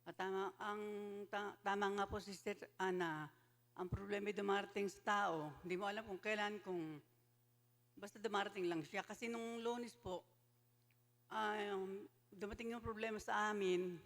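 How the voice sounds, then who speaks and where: Older lady with a gravelly voice telling a church story, voices both sides of the talk, echoey church hall. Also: mid-range voice, steady tone, moderate pace, a bit bright. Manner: polite storytelling, acting out both sides of a conversation. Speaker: church member giving testimony. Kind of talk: personal testimony at a prayer meeting. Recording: church hall with long reverb.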